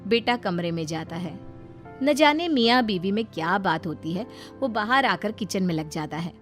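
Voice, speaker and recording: A woman narrating a family drama story in a low, steady storytelling voice. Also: moderate pace, faint music behind.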